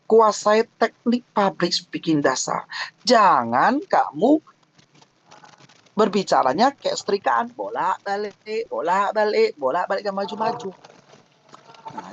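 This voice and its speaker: On an online webinar mic with lo-fi sound and no echo, a man with a voice on the high side jokes his way through tips for defending a thesis. He stays lively throughout, frequently acting out small mock quotes to drive his points home.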